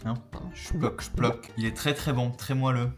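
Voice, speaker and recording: A man, the host's partner, tasting food and answering in a low-key, mumbled way. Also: steady tone, brisk, faint music behind. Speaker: partner of the host.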